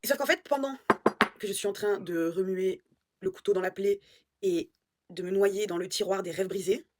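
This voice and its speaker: A woman vlogger in casual chat, animated and self-mocking, swearing now and then. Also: medium pitch, normal speed, over loud music.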